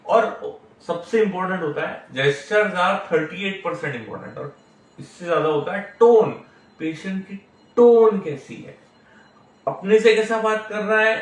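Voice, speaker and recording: A middle-aged man, a homeopathic doctor giving an explanatory lecture on case taking and often tagging his points with questions. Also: sits high. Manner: explains with frequent tag questions. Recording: very echoey room, mic far off.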